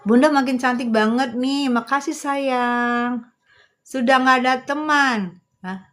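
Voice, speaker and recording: A middle-aged woman hosting a livestream on a phone, chatting with viewers in a sassy, teasing, slangy manner and speaking slowly and carefully. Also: high-pitched, a bit bright. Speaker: livestream host. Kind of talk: casual livestream chat reading viewer comments.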